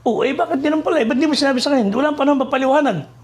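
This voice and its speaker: A man's voice: very high voice, rapid-fire. A man voicing a wealthy master who questions his servant and Death impatiently. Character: stern wealthy master, middle-aged man.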